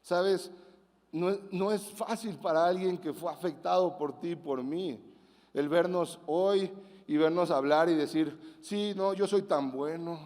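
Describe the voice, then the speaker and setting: A man preaches a sermon in a high, light voice. He talks conversationally and acts out the quotes with animation. The sound rings with the long reverb of a large hall. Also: unhurried, darkish tone. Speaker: pastor.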